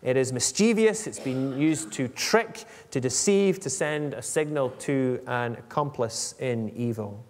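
Reading scripture aloud and commenting on it, a preacher in his forties delivers a measured, explanatory expository sermon in a mid-range voice. He stands at a lectern mic on a stand in an indoor church hall whose echo produces long reverb.

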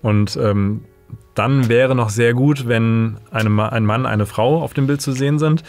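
Calm man in his early thirties. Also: mid-range voice, a little slow, soft background music. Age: 30s. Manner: calm, short agreeing replies. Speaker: documentary interviewee. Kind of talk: casual interview chat. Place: cinema auditorium. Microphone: lapel mic.

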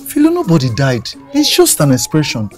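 A man's voice: a little high, wildly swooping pitch, fairly quick, faint music behind. An actor with a Nigerian accent playing a bemused, hungry young man, a sympathetic friend in a comedy skit. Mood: baffled. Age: young adult. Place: outdoors against a wall in a street.

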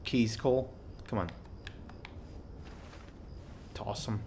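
Low-voiced, wry male gamer. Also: drawn-out words, darkish tone, a little hiss or hum. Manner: wry, quipping. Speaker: video game player and commentator. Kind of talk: casual let's play commentary.

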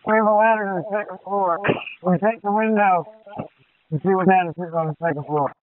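A male firefighter with a high-pitched voice sends urgent, clipped reports by two-way radio. The signal is very narrow and phone-like. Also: fairly even intonation, a little fast, a little hiss or hum. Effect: two-way radio transmission. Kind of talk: emergency radio traffic, field reports. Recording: narrowband fire radio transmission.

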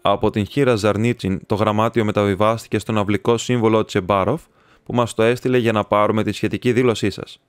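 Low-voiced man reading a novel aloud. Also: fairly even intonation, clean tone, dry recording. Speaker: audiobook reader.

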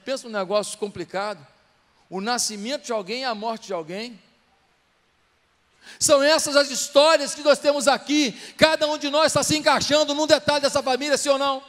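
A pastor preaches to his church in a strikingly high voice, pressing the congregation with rhetorical questions. His words ring out with a long, echoing reverb of a large church hall. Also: fairly bright tone. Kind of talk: sermon.

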